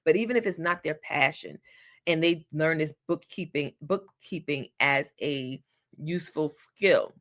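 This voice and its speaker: A woman's voice: deep voice, unhurried. A woman hosting a solo podcast, giving advice in a chatty, encouraging, colloquial way. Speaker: podcast host.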